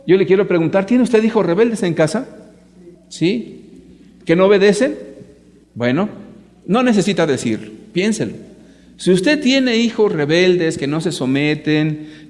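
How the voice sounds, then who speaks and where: A man's voice: a little high, darkish tone. A man preaching to a live audience. He speaks emphatically, asks rhetorical questions and addresses his listeners directly. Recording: echoey hall reverb.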